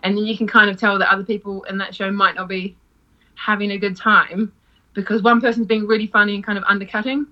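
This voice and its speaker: A woman's voice: mid-range voice, little pitch movement, quick pace, muffled recording. A woman who teaches improv, chatting casually, laughing often and acting out quoted lines. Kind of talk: casual podcast chat.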